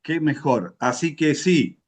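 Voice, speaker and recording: An Argentine man hosting a political video, giving patriotic commentary to viewers in solemn, emphatic oratory with short deliberate phrases. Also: on the high side. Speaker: political interview video host.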